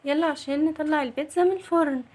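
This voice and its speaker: A woman's voice: high voice, steady tone, racing, a little mellow, faint music behind. A woman with an Egyptian accent hosting a children's story video, talking directly to young viewers. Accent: Egyptian Arabic. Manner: friendly, addressing young viewers.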